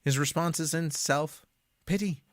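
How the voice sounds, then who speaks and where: A man's voice: a little high, measured pace, no room sound, clean studio sound. Emphatic man teaching a Bible study. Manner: emphatic, reads scripture aloud and comments.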